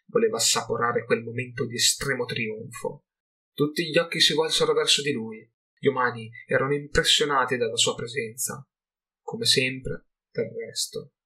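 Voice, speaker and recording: A man narrates a fantasy audiobook in a measured, dramatic manner. His voice is bright and forceful, with a husky grain running through it. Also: medium pitch. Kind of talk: scripted narration.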